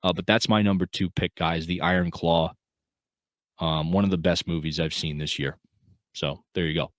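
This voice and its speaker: A man's voice: deep voice, steady tone, moderate pace, dry recording. A man co-hosting a film podcast, talking in an earnest, rambling way with lots of fillers and restarts. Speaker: podcast co-host. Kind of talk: casual film review chat.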